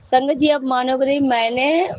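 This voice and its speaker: A woman tells a congregation about a devotional experience, her voice sitting a little high. She talks in a chatty, fervent way, circling back and repeating herself as she goes. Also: steady tone, moderate pace, no room sound, poor audio. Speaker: devotee sharing a satsang experience.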